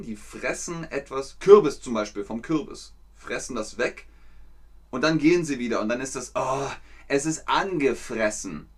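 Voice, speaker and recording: A man gives a language lesson at a very unhurried pace, saying each word clearly and repeating it. He acts out the feelings he explains with playful sounds and exclamations, in a voice of middle pitch. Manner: repeats words slowly and acts out emotions. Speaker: German teacher.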